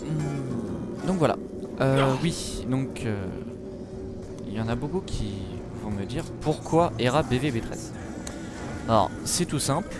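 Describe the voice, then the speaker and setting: Over loud music, gunfire and zombie shooter audio, the late-teen French gaming vlogger speaks slowly in a mid-range voice with lively intonation. He chats casually but hesitantly, with many fillers and self-corrections.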